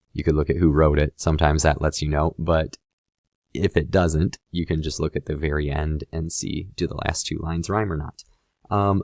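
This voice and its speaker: Deep gravelly-voiced male teacher. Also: dry recording, studio quality. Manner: relaxed, conversational, addresses viewer directly. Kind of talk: explanatory lesson on a poem.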